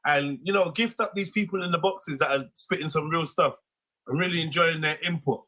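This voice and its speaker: A man's voice: fairly high pitch, fairly quick, pushed and bright, poor audio. A man hosting a casual livestream, chatty and full of British street slang. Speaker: livestream host. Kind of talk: casual live chat hosting.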